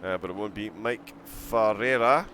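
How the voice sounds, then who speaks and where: A man's voice: lowish voice, unhurried, a bit bright, slight background noise. A man commentating a live sim-racing broadcast, chatting and giggling as he reacts to viewers' chat between race calls.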